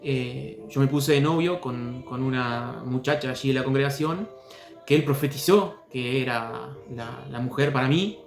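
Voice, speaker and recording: A man hosting a commentary video, speaking calmly with frequent hesitations while telling his own story. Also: mid-range voice, normal speed, vocal fry, music in the background. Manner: hesitant, many fillers and restarts, calm. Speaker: host commenting on testimonies. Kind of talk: critical commentary and personal story. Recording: echoey room.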